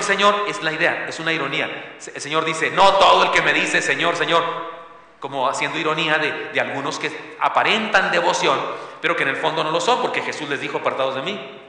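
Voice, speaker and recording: A man's voice: fairly high pitch, fairly quick, pushed and bright. A man preaching a sermon as pastor, ironic and calling the congregation to read along. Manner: ironic, imitates showy pleas and asks the congregation to read along. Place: church sanctuary. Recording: echoey reverberant church hall.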